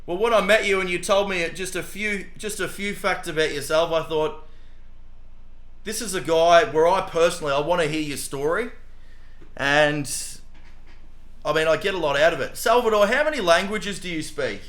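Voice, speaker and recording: A man's voice: fairly high pitch, normal speed, a bit bright, echoey room. A man hosting a podcast interview, chatty and enthusiastic, with many fillers. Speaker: podcast host. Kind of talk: casual interview.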